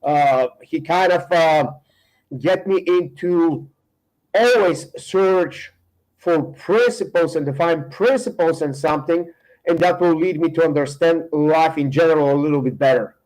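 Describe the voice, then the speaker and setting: A middle-aged man with a Bulgarian accent, a guest in a casual podcast interview, speaking haltingly with many fillers and restarts. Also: on the high side, darkish tone, low-quality recording. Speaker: guest, firearms instructor.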